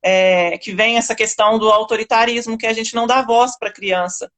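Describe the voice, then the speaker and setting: A Brazilian woman hosts the live stream in a calm, reflective way, her voice fairly high. She keeps checking in with little tag questions. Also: normal speed. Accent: Brazilian Portuguese. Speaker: kid coach, live host. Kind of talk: casual live-stream talk.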